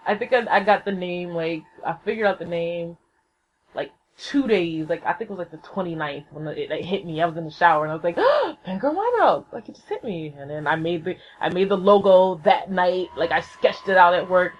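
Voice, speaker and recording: A young woman hosting her own podcast on her own, telling stories in a casual, excitable way and swearing freely. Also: a little fast. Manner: excitable, swears freely, acts out quotes with big pitch jumps. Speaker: podcast host. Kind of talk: casual solo podcast storytelling. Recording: slightly dull lo-fi laptop recording.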